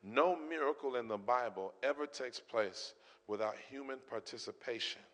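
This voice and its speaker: A man's voice: mid-range voice, moderate pace, fairly bright tone. Emphatic male preacher in a reverberant hall. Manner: emphatic, repetitive preaching delivery. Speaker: guest preacher. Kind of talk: sermon.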